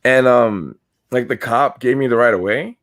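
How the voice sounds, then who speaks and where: A man's voice: mid-range voice, normal speed. A man telling rambling, profanity-laced stories in a casual podcast chat. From New York. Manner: profane, rambling, animated storyteller. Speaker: podcast co-host.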